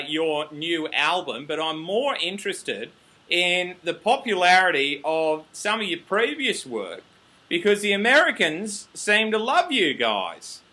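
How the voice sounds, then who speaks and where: A man's voice: sits high, pushed and bright. An Australian man hosting a casual interview, upbeat, chatty and joking with his guests. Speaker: interview host.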